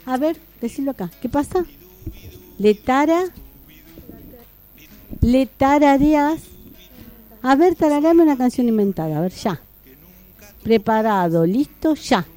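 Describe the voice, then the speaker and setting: A woman's voice: high voice, expressive, slow, pauses often, mellow, soft background music. A woman hosting a radio show, chatting playfully with children and coaxing them to the microphone. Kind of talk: casual radio chat with children. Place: studio with children around a microphone. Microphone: studio microphone.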